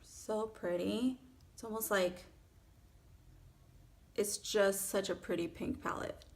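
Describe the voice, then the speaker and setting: A woman's voice: medium pitch, steady tone, slow. A woman in her thirties with a Miami accent, chatting casually and informally through a makeup tutorial. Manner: chatty, informal, self-accepting. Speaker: beauty vlogger. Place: small furnished room at home, indoors.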